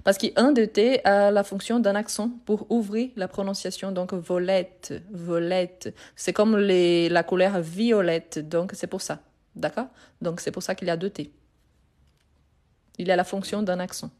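A woman's voice: medium pitch, fairly even intonation, normal speed, darkish tone. A woman teaching French grammar in a live online lesson, repeating and spelling out each word and answering viewers' questions.

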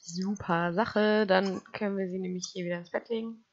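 A woman's voice: mid-range voice, steady tone, moderate pace, dull audio, slight background noise. A woman giving casual let's play commentary, chatting to her game characters and to her viewers.

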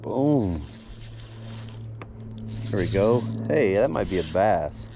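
A man's voice: very animated, slow, creaky, noisy background. A man, giving casual, upbeat commentary from a boat while fishing, recorded on an action camera outdoors. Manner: laid-back, upbeat, says "boom" a lot. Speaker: fishing channel host.

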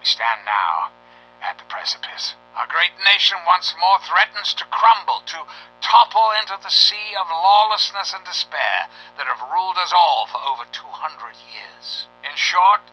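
An actor playing a grandiose, fatherly president giving a solemn, dramatic radio address in a game, with emphatic pauses. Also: high-pitched, animated, bright, forceful tone, breathy edge, faint music behind, exaggerated voice, low-quality recording. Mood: grave, stirring. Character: grandiose fatherly computer president rallying a nation to war.

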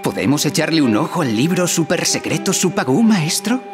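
Animated high-voiced animal ninja hero. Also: male voice, brisk. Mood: breezy. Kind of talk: animated cartoon dub acting. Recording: loud music behind the voice.

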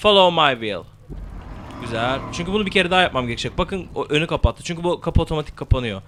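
A young man commentating a game he plays, swearing freely and shouting spell words into his mic. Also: on the high side, animated, fast talker, background noise. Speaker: gameplay commentator. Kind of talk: let's play commentary.

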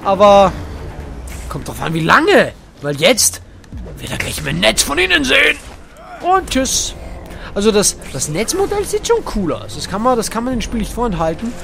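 A man talks over a game, playful and hammy, tossing in English catchphrases. His voice sits high and swings widely, with a gravelly fry at times. Faint game music runs beneath him. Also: huge pitch swings, moderate pace, slight background noise. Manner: playful, hammy, mixes in English phrases, sudden shouts. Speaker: let's play gamer. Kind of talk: excited gameplay commentary.

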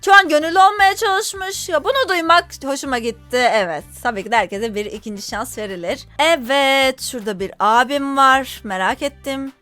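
A woman's voice: high-pitched, moderate pace, few pauses, bright, forceful tone, soft background music. A woman gaming YouTuber giving casual, chatty let's-play commentary, teasing the game characters and complaining in mock exasperation.

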